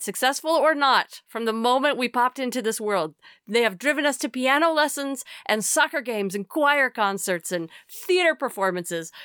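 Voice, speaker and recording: A woman's voice: high voice, fairly bright tone, smooth, no echo, studio quality. An American woman co-hosting a casual podcast from inside a small closet, speaking in an effusive, appreciative way. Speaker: podcast co-host. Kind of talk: casual conversational podcast chat.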